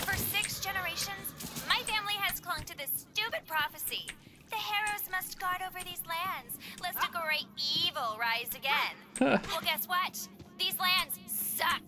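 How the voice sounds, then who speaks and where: Bratty, very high-voiced duchess. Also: female voice, measured pace, over music. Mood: sulky contempt. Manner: whiny, contemptuous, bratty. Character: spoiled, petulant young duchess. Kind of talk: video game voice acting.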